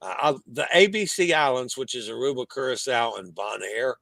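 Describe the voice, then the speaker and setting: A man's voice: medium pitch, moderate pace, creaky, fairly bright tone, no room sound. A man chatting casually as a guest who shares his travel experience. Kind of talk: casual chat.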